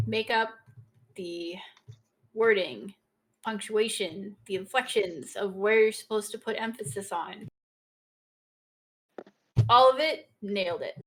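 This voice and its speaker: A woman narrating a tabletop game as game master, in an unhurried, encouraging and playful way. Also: mid-range voice, a bit bright.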